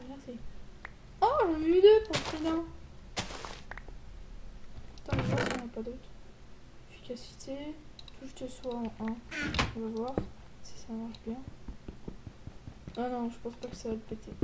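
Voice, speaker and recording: A woman giving playful, joking commentary while playing a video game, with excitable outbursts. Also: high voice, a little slow, long pauses. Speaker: gaming YouTuber. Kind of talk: casual gameplay commentary. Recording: loud background noise.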